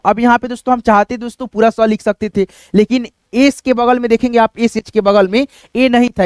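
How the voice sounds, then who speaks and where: High-voiced man teaching. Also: clean tone, dry recording. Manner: steady explaining, repeats "dosto" constantly. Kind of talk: screen-recorded spelling lesson.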